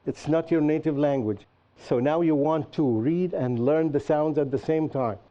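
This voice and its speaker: A man's voice: on the high side, normal speed. A man teaching a class, often asking students what else they can name and explaining patiently with examples. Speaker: Qur'an teacher and show host. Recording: dull lo-fi recording.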